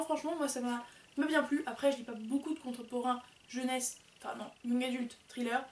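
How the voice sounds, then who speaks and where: High-voiced chatty woman in an echoey room. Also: distant mic, a little hiss or hum. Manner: chatty, rambling, with many fillers. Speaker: book vlogger. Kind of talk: casual book review chat.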